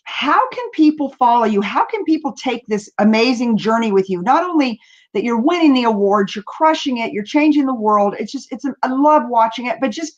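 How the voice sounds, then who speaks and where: Woman host, enthusiastic, laughs often, slightly high voice, video call. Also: expressive, a little fast. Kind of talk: casual interview. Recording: slightly dull lo-fi sound.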